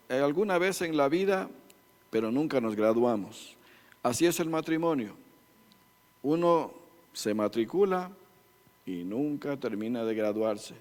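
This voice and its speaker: A man's voice: mid-range voice, a little mellow. A man in his sixties with an Ecuadorian Spanish accent, preaching to couples at church in a folksy, joking way and calling the listeners his beloved brothers. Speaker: church couples-ministry speaker. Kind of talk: preaching to a congregation. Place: church meeting room. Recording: reverberant church hall.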